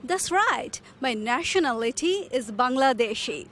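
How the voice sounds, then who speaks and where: A woman playing a friendly tourist who answers a reporter's questions slowly and carefully for an English lesson. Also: sits high, animated, a bit bright. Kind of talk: scripted English lesson dialogue. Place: outdoors in a city.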